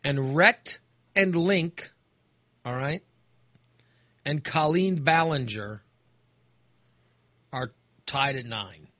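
An American man hosts a loose radio chat, his bright voice swinging up and down as he talks. He rambles and restarts, and a dry, close studio mic leaves little room sound. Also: fairly high pitch, expressive, dry recording. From United States. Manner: rambling, halting, with restarts and fillers. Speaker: radio host.

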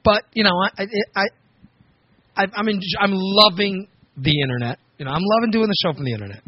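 A man's voice: sits high, a little fast, no echo. A man hosting a casual comedic internet talk show, rambling and interrupting himself as he chats. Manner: rambling, self-interrupting, chatty. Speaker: show host. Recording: dull lo-fi recording.

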